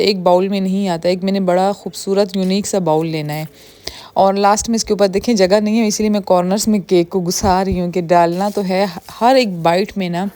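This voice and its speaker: Friendly, fast-talking woman, home-cooking vlog narration, mid-pitched, dry. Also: warm tone, no room sound. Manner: talks fast, friendly and homely. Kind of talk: chatty cooking voice-over. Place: home kitchen.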